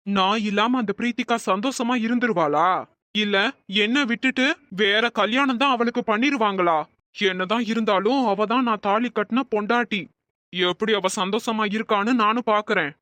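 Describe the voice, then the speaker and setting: A performer voicing a hot-headed young husband in a cartoon story, indignant and quick to anger. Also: medium pitch, pushed and bright, no echo, natural voice. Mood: defiant.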